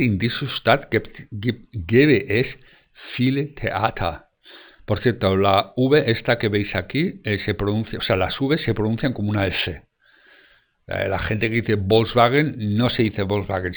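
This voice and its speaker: A man teaching German grammar in Spanish, explaining step by step and checking in often with the class. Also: lowish voice. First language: French.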